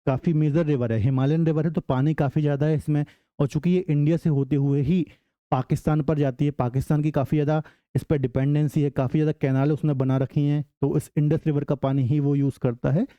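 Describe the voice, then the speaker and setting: A man's voice: fairly high pitch, fairly even intonation, fairly quick, no echo, muffled recording. A male teacher giving an exam-prep geography lecture, often asking the class a question and then answering it himself.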